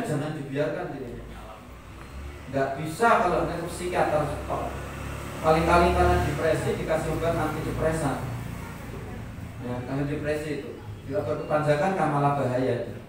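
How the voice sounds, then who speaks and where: Middle-aged Javanese-accented preacher, joking and animated, fairly high voice, far from the mic in a roomy, echoing hall. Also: male voice, fairly quick. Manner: lively, joking, laughs often, acts out quotes. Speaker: preacher and lecturer. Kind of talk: humorous sermon. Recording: echoey hall, distant mic, faint noise.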